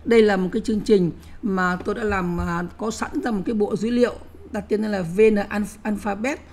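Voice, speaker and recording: Brief: middle-aged woman, lecturer to teachers, emphatic, repeats herself, mid-pitched. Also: fairly even intonation, brisk, a little mellow. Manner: emphatic, repeats words, frequent "nhé" asides.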